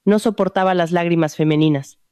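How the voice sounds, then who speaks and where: A woman narrating a dramatic story in a measured, even storytelling manner. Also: lowish voice, smooth, no echo, clean studio sound.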